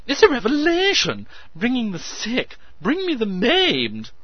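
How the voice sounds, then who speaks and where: A man voicing a skinny, eccentric male alchemist who talks in a shrill, piping, hysterical gush. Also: huge pitch swings, a little slow, husky, dry recording, dull audio, full character voice. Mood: hysterically excited. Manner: hysterical, breathless, gushing.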